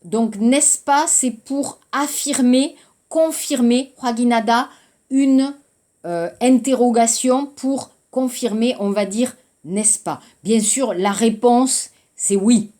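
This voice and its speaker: A woman's voice: a little high, measured pace, dark tone. A woman from France teaching a French class, explaining patiently and repeating phrases, with a few Korean words mixed in.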